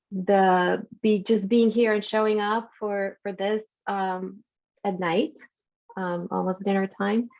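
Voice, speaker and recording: A woman from Bulgaria giving a friendly branding talk over a video call, with frequent restarts and fillers. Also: mid-range voice. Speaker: guest speaker. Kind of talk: branding presentation on a video meeting. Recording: dull lo-fi video call audio.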